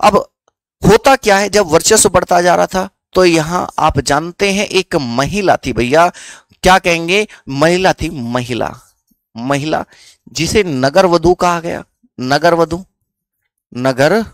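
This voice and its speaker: A man's voice: a little high, takes it slowly, no echo. A young man with a Haryanvi accent teaching history as a story, often repeating questions back to his students.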